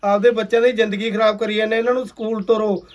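A man playing an indignant Punjabi villager who scolds in a loud, hearty, insistent and brotherly way. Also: high-pitched, flat delivery, fast talker, close to an everyday voice. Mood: scolding.

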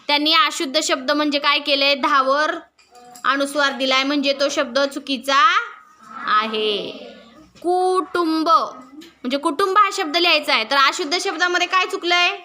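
A woman teaching a classroom lesson, her voice high and very bright. She is middle-aged and keeps turning to the pupils with questions. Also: moderate pace, a little hiss or hum. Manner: asks pupils questions and waits for answers.

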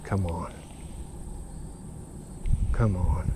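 A man's voice: low voice, fairly even intonation, drawn-out words. Muttering Kentucky man fishing outdoors. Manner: mutters and exclaims to himself while fishing. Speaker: fishing vlogger. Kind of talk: casual running commentary. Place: outdoors at a grassy pond bank. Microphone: head-mounted action camera. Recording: outdoor wind noise.

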